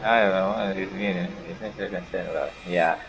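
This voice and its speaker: A gaming YouTuber with a low, steady voice and some vocal fry talks fast through a casual playthrough, rambling and half-mumbling the on-screen text aloud. The home recording is dull and noisy.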